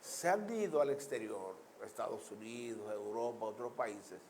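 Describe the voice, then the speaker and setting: Speaking with a Dominican Caribbean Spanish accent, this man from the Dominican Republic addresses the audience with political and social commentary in a forceful, oratorical style full of repeated lists and rhetorical questions. His voice is lowish and a bit mellow, with lively intonation and a moderate pace, and there's a slight hiss or hum on the recording.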